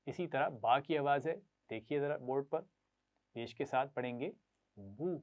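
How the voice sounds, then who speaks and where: A man teaching children Quran reading, patiently sounding out syllables for them to repeat and praising them often. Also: mid-range voice. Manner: patient, repeats syllables slowly for pupils to echo; frequent praise. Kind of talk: classroom lesson to children. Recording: tinny phone-like sound.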